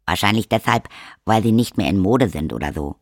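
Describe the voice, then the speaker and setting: A man voicing an older village witch woman, shameless, blunt and bossy in a brisk matter-of-fact way. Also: fairly low pitch, expressive, no echo, studio quality.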